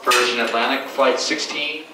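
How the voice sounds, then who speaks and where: A man's voice gives a formal boarding call over an airport intercom. It is heard from a distance and bounces around a very echoey terminal. Steady background noise sits under it. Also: medium pitch, moderate pace. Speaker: airport gate announcer.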